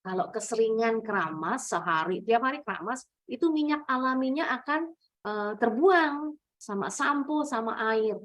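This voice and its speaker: A woman's voice: on the high side, expressive, moderate pace, a bit bright. A woman teacher running an online class for children, explaining step by step and exaggerating the rise and fall of her voice to show examples. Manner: patient, explains step by step with exaggerated rising and falling demos. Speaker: English teacher.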